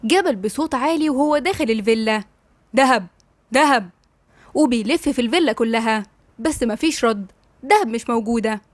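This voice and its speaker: A woman with an Egyptian accent narrating a novel as an audiobook, brisk and straightforward. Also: on the high side, animated, dry recording. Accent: Egyptian Arabic. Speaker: storyteller.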